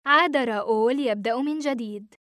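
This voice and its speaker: A woman narrating a novel in the first person, steady and expressive. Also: fairly high pitch, brisk, no room sound, clean studio sound. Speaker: audiobook narrator.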